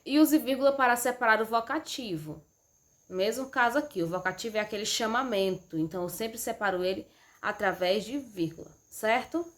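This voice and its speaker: A woman's voice: a little high, animated, brisk, a bit bright. A woman teacher, talking over slides in a patient, explanatory way and often checking in with "né?" and "certo?". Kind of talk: slide lesson on punctuation.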